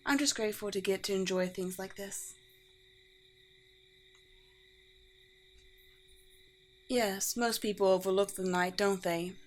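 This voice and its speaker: In this scripted ASMR roleplay, a woman voices a gentle, majestic vampire queen who speaks formally and poetically with tender, light amusement. Her medium-pitched delivery is lightly acted over a slight hiss or hum, with an inviting, serene mood.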